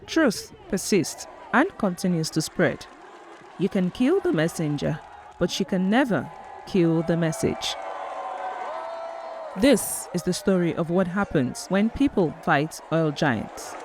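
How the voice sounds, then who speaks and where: A woman narrating a documentary in a solemn, clear and expressive scripted style. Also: lowish voice, slow, pauses often, some chatter behind, slight background noise.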